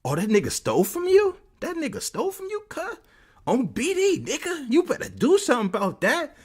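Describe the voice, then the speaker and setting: A man imitating rowdy young dorm troublemakers, taunting in a high, hyped-up voice. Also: huge pitch swings, a little fast, full character voice.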